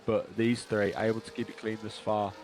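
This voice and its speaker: A man co-commentating a live online race, steady and matter-of-fact. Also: fairly low pitch, moderate pace, slight background noise. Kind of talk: live sim racing commentary.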